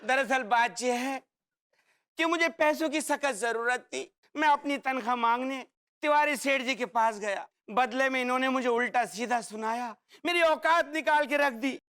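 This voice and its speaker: A loyal young servant in a TV sitcom, with a high voice. He is melodramatic and pleads theatrically. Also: normal speed, fairly bright tone, clean tone. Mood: confessing. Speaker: sitcom character. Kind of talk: sitcom acting.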